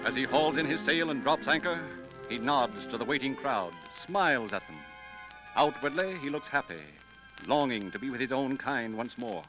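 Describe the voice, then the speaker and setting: A man narrates in the theatrical, emphatic style of a 1930s radio drama, his mid-range voice at normal speed. The low-quality recording comes from an old 1930s radio broadcast with dramatic orchestral music behind him.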